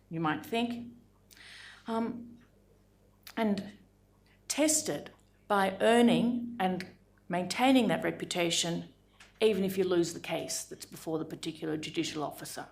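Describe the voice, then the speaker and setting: Woman in her 60s, lowish voice, formal lecture, measured and deliberate, pauses with "um". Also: gravelly. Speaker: judge giving a lecture. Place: lecture room.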